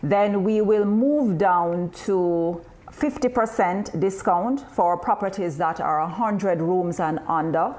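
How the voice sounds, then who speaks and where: A woman presenting a training webinar, explaining course costs in a measured, upbeat way. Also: lowish voice, a little mellow. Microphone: video call.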